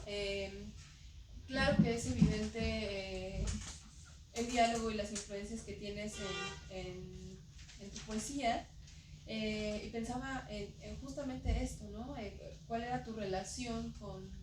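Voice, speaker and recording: A woman presenting at a book event asks the author questions, hesitating and restarting often. Her slightly high voice is picked up from a distance in a roomy hall. Clear background noise sits under her speech. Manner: hesitant, full of fillers and restarts. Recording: roomy hall, far from mic, noisy.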